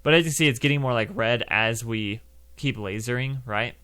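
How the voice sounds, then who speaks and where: A man's voice: medium pitch, moderate pace, fairly bright tone, smooth. A young man talks through a game coding tutorial in a loose, chatty way, full of fillers and asides. He speaks into a desk mic at his computer, and keyboard typing can be heard behind him. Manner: loose and chatty, lots of fillers, plays laser noises. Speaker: game development tutorial host. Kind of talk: casual screen-recorded coding tutorial.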